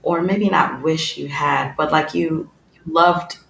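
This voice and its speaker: A man's voice: on the high side, steady tone, slow pace, creaky, bright, forceful tone. A man interviewing a guest in a loose, conversational way, searching for his words and saying "like" often. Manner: loose, searching, heavy use of "like". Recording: roomy echo with faint background noise.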